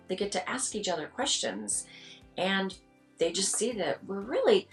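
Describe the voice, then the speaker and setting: Middle-aged woman telling stories, roomy echo. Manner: animated, acts out quotes with rising pitch. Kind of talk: candid interview storytelling.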